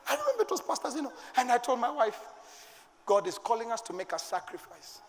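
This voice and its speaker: High-voiced Kenyan pastor preaching fervently. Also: male voice, wildly swooping pitch, fast. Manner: fervent preaching with sudden shouted bursts. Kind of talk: sermon. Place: church sanctuary. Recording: long church-hall reverb.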